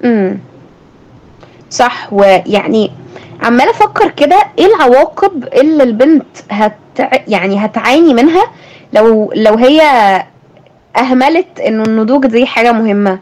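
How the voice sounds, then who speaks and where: A woman's voice: fairly high pitch, animated, moderate pace, a little mellow, low-quality recording. A young woman with an Egyptian Arabic accent, hosting a thoughtful conversation and asking her guest questions. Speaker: host. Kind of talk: reflective conversation.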